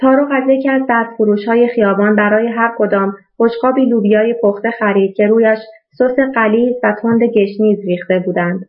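A woman's voice: a little high, steady tone, few pauses. Woman narrating a novel over a phone-like line. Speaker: audiobook narrator. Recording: tinny phone-like sound.

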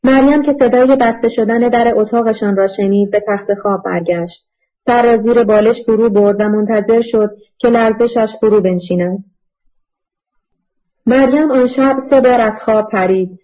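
A woman reading a novel aloud in steady, measured scripted narration, in a dull lo-fi audiobook recording. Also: on the high side.

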